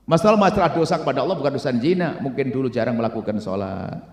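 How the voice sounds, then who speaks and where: A man preaching a sermon with passion, dropping to a hush and rising to shouts as he tells stories. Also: mid-range voice, very fast. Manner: impassioned, swinging from hushed to shouting. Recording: echoey hall with long reverb.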